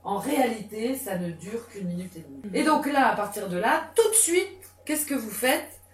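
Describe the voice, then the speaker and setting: A woman psychotherapist giving a lively, conversational talk with many fillers and restarts. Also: fairly high pitch, normal speed. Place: conference room. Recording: echoey room, mic far off.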